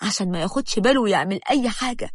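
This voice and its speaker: Fast-talking Egyptian woman storyteller. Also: medium pitch, animated, slightly rough, dry recording, clean studio sound. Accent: Egyptian Arabic. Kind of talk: first-person story narration.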